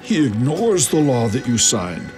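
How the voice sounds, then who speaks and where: An actor playing a deferential, nervous scheming official in a theatrical Bible drama. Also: male voice, mid-range voice, very animated, unhurried, a little mellow, soft background music.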